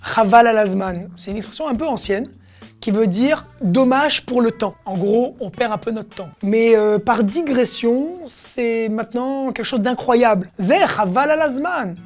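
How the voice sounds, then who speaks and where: A woman's voice: on the high side, a little slow, darkish tone, soft background music. A woman teaching everyday expressions in a casual lesson, explaining each word and acting out how it is said. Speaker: Hebrew teacher.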